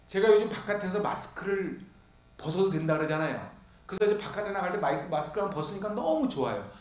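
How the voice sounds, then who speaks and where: A male pastor preaching an expository sermon, firing questions at the congregation and answering them himself. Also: fairly high pitch. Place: church sanctuary. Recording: echoey church hall.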